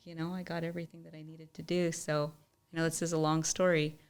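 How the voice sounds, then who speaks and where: A young woman telling a personal story as a podcast guest, animated and chatty, leaning on "like" a lot. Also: low voice, fast. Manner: animated storyteller, often says "like". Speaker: podcast guest, musician and entrepreneur. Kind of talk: storytelling in casual interview.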